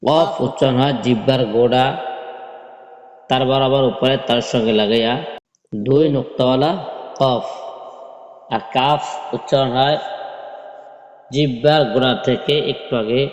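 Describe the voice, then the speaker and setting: Slow echoey teacher. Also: male voice, mid-range voice. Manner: slow, spells letters aloud then chants verses in drawn-out melody. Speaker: Quran reading teacher. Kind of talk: spelling out and chanting Quran recitation lesson. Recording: echoey, dull lo-fi room sound.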